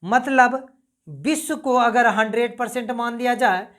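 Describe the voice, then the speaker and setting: A woman's voice: a little high, measured pace. A woman teaching a geography lesson, repeating points and quizzing her listeners as she goes. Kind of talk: casual classroom-style lesson.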